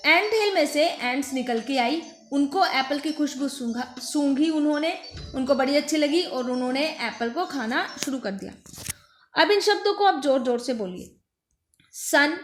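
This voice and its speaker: A woman with an Indian accent teaching a children's phonics lesson, repeating words slowly for the children to say back. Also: high voice. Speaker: primary school teacher. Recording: echoey room with faint music.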